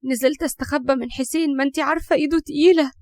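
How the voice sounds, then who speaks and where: A woman's voice: high-pitched, steady tone, rapid-fire, darkish tone, no echo, clean studio sound, pitched above the performer's own voice, close to an everyday voice. A woman voicing a frightened young Egyptian woman haunted by spirits, in an audio horror story. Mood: confused.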